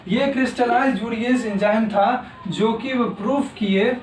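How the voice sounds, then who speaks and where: A man lectures from some distance away in a room that echoes around his voice. His voice sits high for a man. He talks straight to his students and repeats each key term as he writes it on the board. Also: a little slow, faint music behind. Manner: talks to students directly, repeats key terms while writing. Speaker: teacher. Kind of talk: exam-prep lecture.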